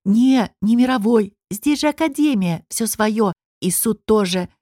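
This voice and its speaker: A woman's voice: on the high side, animated, unhurried, dark tone, no echo, clean studio sound. A woman voicing a glum young man who guards a prisoner and warns her earnestly, in an audiobook. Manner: cautious, earnest warning.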